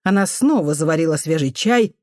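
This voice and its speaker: A woman narrates a novel with a lively, expressive voice that moves freely up and down. Her delivery is measured storytelling. The recording is dry and close, with no room sound. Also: sits low, dry recording. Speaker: audiobook reader. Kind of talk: scripted narration.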